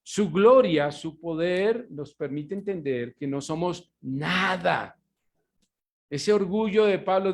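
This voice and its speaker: A male pastor giving a sermon, stressing key words and asking his congregation rhetorical questions for them to finish. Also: high voice. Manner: emphatic preaching with slowed, stressed words.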